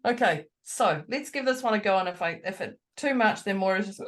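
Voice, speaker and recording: A woman's voice: medium pitch, lively intonation, fairly quick. A woman co-hosting a motivational podcast, chatty and laughing easily, talking through the hiccups. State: has the hiccups. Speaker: podcast co-host. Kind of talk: casual motivational chat.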